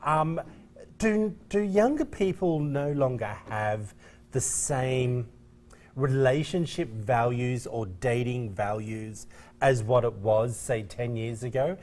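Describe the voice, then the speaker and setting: A man's voice: mid-range voice, takes it slowly, a little mellow. A man co-hosting a midday TV talk show who jokes, teases his co-hosts and rambles in casual studio chat. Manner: joking, teasing, rambling.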